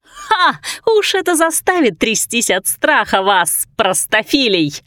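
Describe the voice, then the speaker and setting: A woman reading aloud, voicing three mocking witch sisters who taunt in a slow, drawn-out, sing-song way. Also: mid-range voice, lively intonation, a bit bright, dry recording, clean studio sound. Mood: mocking chant.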